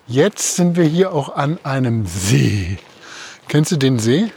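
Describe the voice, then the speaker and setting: A man's voice: medium pitch, very animated, takes it slowly, darkish tone, husky. A man co-hosting a podcast in casual conversation, talking as he walks outdoors. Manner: talking while walking. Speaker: podcast co-host. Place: outdoors, walking through city parks.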